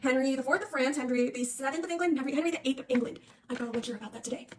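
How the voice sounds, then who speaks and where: A young woman talks through her exam notes in a casual, slangy ramble, restarting words and sliding between topics. Her voice is high and very fast. She sits a little back from the phone, with faint hiss and clicks behind her. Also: recorded from a distance. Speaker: student reviewing for an exam. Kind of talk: casual study-review monologue. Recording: faint noise and clicks, voice off-mic.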